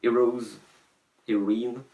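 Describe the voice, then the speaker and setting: A man's voice: mid-range voice, little pitch movement, very slow, vocal fry, dark tone. A man vlogging casually about clothes he bought, rambling and self-mocking with lots of fillers and asides. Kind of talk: casual fashion haul vlog.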